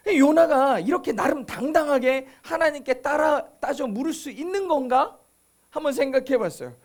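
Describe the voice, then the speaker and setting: Very high-voiced man preaching. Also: expressive, normal speed. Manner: emphatic, with repetition and rhetorical questions. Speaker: pastor. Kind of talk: sermon.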